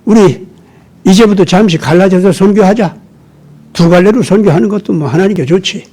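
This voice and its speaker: A male preacher voicing a gentle, peaceable apostle who speaks softly to a brother. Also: high voice, normal speed. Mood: conciliatory.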